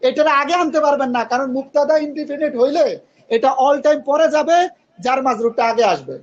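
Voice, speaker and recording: A man's voice: extremely high pitch, fairly quick, highs cut off. A man teaching Arabic grammar in an online class, patiently quizzing his students and mixing in English terms.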